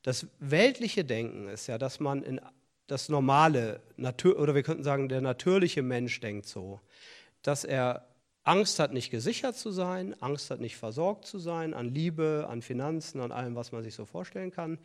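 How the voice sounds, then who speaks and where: A man's voice: mid-range voice, animated, normal speed. A middle-aged man preaching a sermon, earnest and insistent, with joking asides and restarts. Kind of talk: sermon on tithing and offerings.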